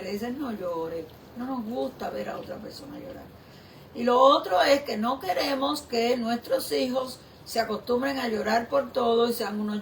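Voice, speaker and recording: A woman pastor preaches at an unhurried pace, her rather high voice carrying a gravelly edge. She speaks reflectively and often turns to the listener with questions. A faint noise sits under the recording. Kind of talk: sermon.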